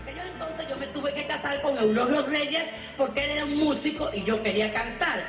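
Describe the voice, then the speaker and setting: High, quick Cuban woman telling her story. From Santiago de Cuba. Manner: addresses listeners as brothers, folksy and emphatic. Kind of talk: first-person life storytelling. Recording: roomy, dull archival recording with music.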